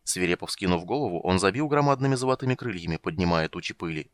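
A man narrating a fantasy audiobook in an expressive, animated reading. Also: sits low, quick pace, no echo, studio quality.

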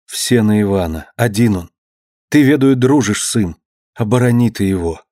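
A man's voice: lowish voice, expressive, normal speed, mellow, no echo, studio quality, natural voice. A man reading an audiobook and voicing a frightened young wife who speaks anxiously. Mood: worried. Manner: anxious, plaintive.

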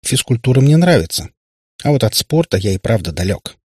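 A man with a husky voice reading an audiobook and voicing a polite, pedantic, somewhat flustered schoolboy. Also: mid-range voice, very animated, a little fast, darkish tone, dry recording, studio quality, voice pushed up. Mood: earnest. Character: lanky, earnest, nerdy schoolboy.

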